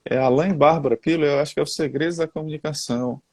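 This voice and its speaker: A man's voice: on the high side, fairly even intonation, quick pace, a little mellow, no echo. A man with a Brazilian Portuguese accent, chatting casually and folksily about communication, talking to listeners on a headset. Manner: talkative, folksy, addresses the audience as "gente" and "cara". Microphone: headphones.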